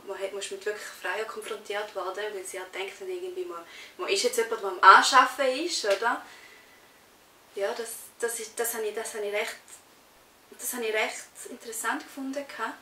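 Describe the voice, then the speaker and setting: In a mid-range, sharp-toned voice, a young Swiss actress with a Swiss German accent gives casual interview responses. She sits on a sofa in a small indoor room, and the recording is distant and echoey with faint hiss.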